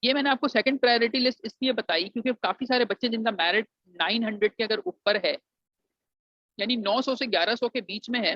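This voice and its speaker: On a dull, dry, lo-fi recording, a man from Pakistan with a very high voice gives students an explanatory lesson about engineering admissions. He slips English phrases into his Urdu and addresses the students as "beta."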